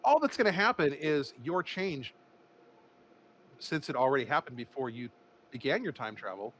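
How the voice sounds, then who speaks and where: A man's voice: mid-range voice, expressive, normal speed, fairly bright tone, a little hiss or hum. A man hosting a casual podcast stream, rambling, laughing often and restarting his sentences. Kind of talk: casual group chat on a stream.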